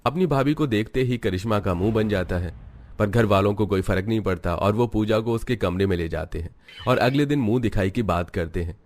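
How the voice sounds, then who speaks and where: A man's voice: on the low side, a little fast. Male narrator telling a cartoon story. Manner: steady storytelling. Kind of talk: scripted narration.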